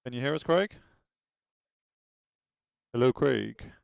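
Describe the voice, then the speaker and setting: A man with a creaky, middle-to-low voice chats off the cuff in a dry acoustic. His delivery is informal and jokey. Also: lively intonation, slow pace, dry recording. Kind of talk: casual off-the-cuff crew chat.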